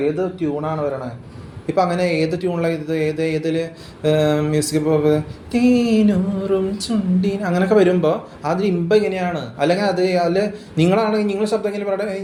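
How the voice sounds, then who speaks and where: A man's voice: high voice, quick pace, dark tone. A man talking casually but insistently, lecturing and asking rhetorical questions. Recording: roomy echo with faint ambient noise.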